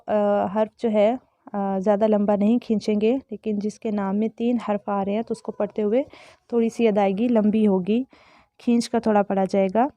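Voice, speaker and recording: A woman's voice: medium pitch, mellow, no echo, lo-fi sound. A woman with a Pakistani Urdu accent giving an online lesson, patiently explaining Arabic letters and voicing each letter sound aloud. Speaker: Quran recitation teacher.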